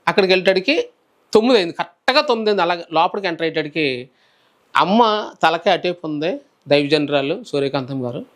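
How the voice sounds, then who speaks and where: A man who is a preacher, telling his personal testimony in a calm, soft-spoken way during an interview. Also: a little high, fast talker, pauses often.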